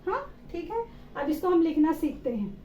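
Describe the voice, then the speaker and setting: Her very high-pitched voice swings widely in pitch as she talks at a moderate pace, with slight background noise. This woman teacher leads a patient, step-by-step children's reading lesson, spelling out letters and answering her own questions, captured in a roomy, somewhat dull recording with faint ambience.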